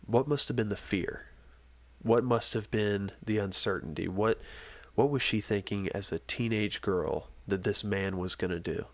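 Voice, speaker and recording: A man's voice: on the low side, normal speed, dry recording. Coughing young man with a scratchy throat. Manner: animated, rhetorical questions. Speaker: podcast co-host. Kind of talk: casual chat.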